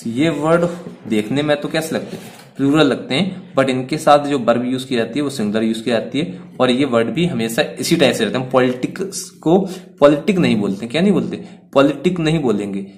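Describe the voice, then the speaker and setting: A man's voice: mid-range voice, fairly quick, darkish tone. A man teaches grammar in Hindi, with English words spoken in an Indian accent. He keeps posing a question and then answering it himself, patiently repeating points for students. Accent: Indian English words in Hindi speech. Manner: repetitive, asks and answers own questions.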